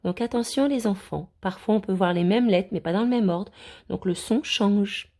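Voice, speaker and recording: A woman teaching a reading lesson to young children, sounding out words slowly and clearly with a lively, coaxing delivery. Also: medium pitch. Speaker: primary school teacher.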